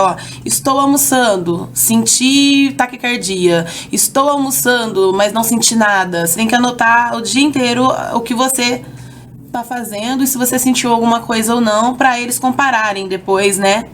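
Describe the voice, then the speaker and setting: A young adult Brazilian woman vlogger telling a personal story in a casual, animated way, jumping higher when quoting herself. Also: slight background noise. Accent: Brazilian Portuguese. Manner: animated, acts out quoted lines with raised pitch.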